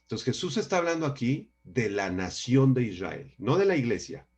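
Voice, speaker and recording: A man's voice: medium pitch, sing-song, normal speed, darkish tone. Man, pastor giving a Bible lesson, emphatic, repeats for emphasis. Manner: emphatic, repeats key words, addresses listeners as brothers. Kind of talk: Bible study teaching.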